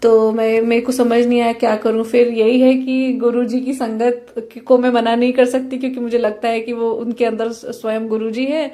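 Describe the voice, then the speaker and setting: A woman's voice: a little high, little pitch movement, normal speed, few pauses, mellow. A young woman earnestly sharing a devotional experience, speaking directly to her listeners. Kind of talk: devotional testimony.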